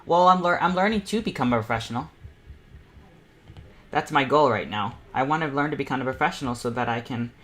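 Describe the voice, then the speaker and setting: A young man, in his teens or young adulthood, hosts an online art panel and chats casually, thinking aloud while he draws. His medium-pitched voice is animated, fairly quick and a bit bright, with clear background noise and room ambience in the recording.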